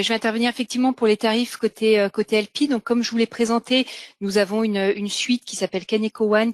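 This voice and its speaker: A woman gives pricing details in a company webinar. Her voice is dry and close. She pauses often on "euh" and repeats words as she goes. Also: mid-range voice, no room sound. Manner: hesitant, many fillers. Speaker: company presenter. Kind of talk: sales information in a webinar.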